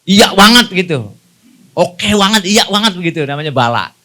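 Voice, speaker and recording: Lively, joking Betawi preacher. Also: male voice, sits high, moderate pace. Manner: jokey, colloquial, asks the audience questions. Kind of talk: humorous sermon. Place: mosque gathering with an audience.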